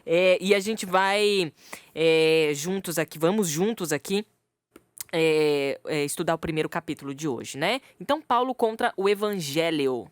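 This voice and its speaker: Co-hosting a radio podcast in a radio studio, a woman laughs frequently during a casual Bible study chat. She has a deep, animated voice and speaks at a measured pace, with no room sound in the recording.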